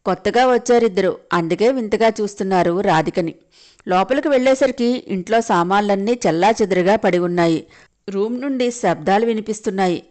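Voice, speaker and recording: A woman's voice: mid-range voice, a little fast, darkish tone. Telugu woman reading an audio story. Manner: voices each character lightly in quoted lines. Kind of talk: scripted audio story narration.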